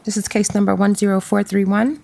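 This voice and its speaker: A woman presiding as magistrate at a code hearing, speaking in a measured, procedural way with fillers, captured in a courtroom recording. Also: medium pitch, flat delivery, creaky, warm tone. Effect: courtroom recording from a hearing room. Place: public hearing room.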